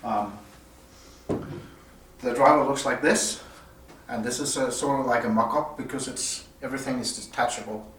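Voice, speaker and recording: At a product premiere in an indoor room at an audio show, a male loudspeaker designer gives an unscripted, semi-technical presentation. He explains things haltingly in a medium-pitched, fairly bright voice. The distant mic picks up a roomy sound with faint background noise.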